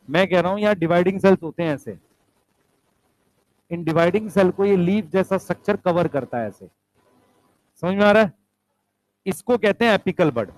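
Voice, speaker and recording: High-voiced man teaching a class. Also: rough recording. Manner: explains step by step, asks the class questions; addresses students as beta and bhai. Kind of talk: classroom lecture.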